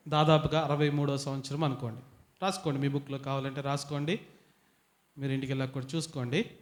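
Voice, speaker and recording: A man teaching a Bible study at a youth retreat, his voice set a little high. He peppers the young listeners with questions and keeps asking them to answer louder. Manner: quizzes the audience, urges them to answer louder. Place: retreat hall.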